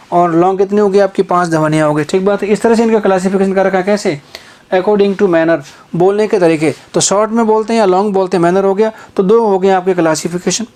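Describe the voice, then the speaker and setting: A man's voice: sits high, darkish tone. A male teacher giving an exam-prep phonetics lesson, asking repeated rhetorical questions and drawing out example vowels.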